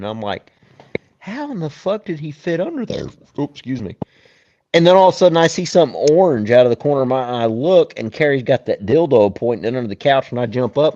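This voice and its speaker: A man, co-hosting a podcast and telling long, profane stories in casual chat. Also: medium pitch. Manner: profane, animated storyteller. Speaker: podcast co-host. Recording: dull lo-fi sound.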